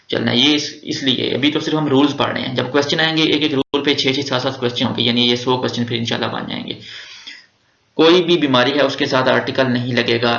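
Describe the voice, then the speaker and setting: A Pakistani male teacher with a rough, raspy, creaky voice of medium pitch and a slightly bright edge, speaking with a Pakistani Urdu accent. He gives a grammar lecture, repetitively drilling the rules one step at a time. The recording is lo-fi and dull, made in an echoey room.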